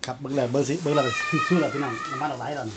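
A man's voice: mid-range voice, steady tone, very fast, heavy background noise. A man with an Isan Thai accent talks casually to his viewers while grilling over charcoal, calling them brothers and sisters. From Northeast Thailand. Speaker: cooking vlogger. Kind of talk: casual cooking vlog talk.

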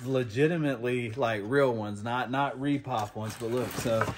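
A man in his thirties digs through boxes, talking to his viewers in an eager, rambling way. His voice sits at an ordinary middle pitch, caught on a phone camera with loud paper rustling and clatter all around him. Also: normal speed, slight background noise. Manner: excited, rambling, talks to viewers as y'all. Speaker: storage unit reseller host. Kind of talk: casual unboxing chat. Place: cluttered storage room full of boxes, indoors.

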